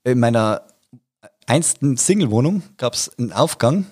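A man's voice: mid-range voice, measured pace, husky. Laughing man telling a story. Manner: laughs often, restarts, animated. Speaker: storyteller in group chat. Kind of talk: casual chat, telling a funny story.

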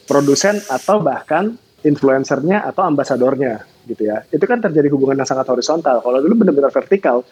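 A man's voice: mid-range voice, lively intonation, quick pace, a little mellow. A man, a producer guest on a podcast, explaining things in a lecturing way in casual chat. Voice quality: husky. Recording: dull lo-fi sound.

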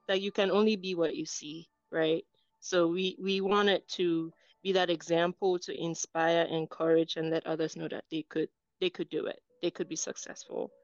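Woman guest from Cameroon, lowish voice, earnest and composed, dull dry recording. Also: dry recording. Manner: earnest, composed, speaks in lists. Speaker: guest, engineer and academic coach. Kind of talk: interview answers.

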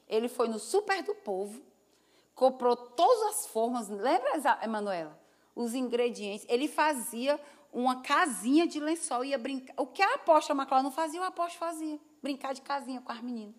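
A woman pastor preaches a sermon before her congregation at a church service, telling folksy, chatty stories with asides and calling out "Amém?" for response. Her voice sits high with lively intonation at a normal speed.

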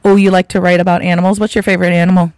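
A woman with a raspy, gravelly voice, hoarse from laryngitis, hosting a podcast and gently prompting young guests with simple, encouraging questions. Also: fairly low pitch, level tone, very fast, no echo. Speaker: podcast host, school teacher or librarian. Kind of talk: friendly podcast interview with children.

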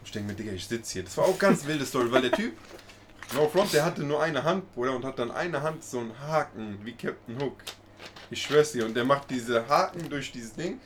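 Ein junger Mann, der locker im Slang plaudert und eine eigene Anekdote erzählt. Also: male voice, medium pitch, brisk, background noise. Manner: relaxed slangy reactions, tells his own anecdote. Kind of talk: casual chat.

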